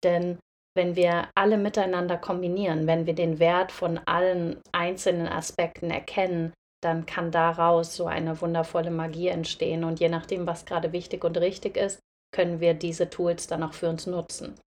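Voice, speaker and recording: A young woman hosting a podcast, speaking in a gentle, reflective monologue directly to her listeners. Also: on the low side, level tone, moderate pace. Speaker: podcast host and breathwork facilitator.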